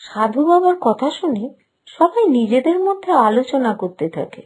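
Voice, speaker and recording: A woman narrator with a high, lively voice reads a scripted children's story at normal speed, with background music playing behind her.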